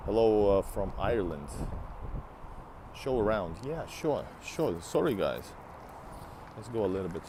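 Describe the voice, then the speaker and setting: Over a noisy background, a man with a fairly low, sing-song voice speaks a little slowly, leaving long pauses. In his thirties and from Latvia and Finland, this tired travel vlogger live-streams on foot along a city street by a large building, using a wired earbud headset with his phone at arm's length. He rambles casually, restarts often, and talks back to chat.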